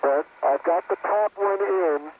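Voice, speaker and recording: A man's voice: sits high, unhurried. A man, an astronaut at work on a spacewalk, talking through tasks over astronaut radio. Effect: space-to-ground radio. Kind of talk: astronaut radio, working task talk. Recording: tinny noisy spacesuit radio link.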